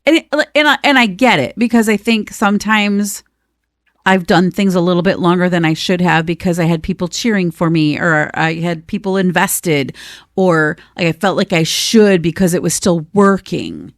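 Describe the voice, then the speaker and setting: With a fairly low voice and normal speed, a woman co-hosts a chatty podcast about personal growth, recorded dry with studio quality. Her delivery is reassuring and emphatic, and she draws out important words.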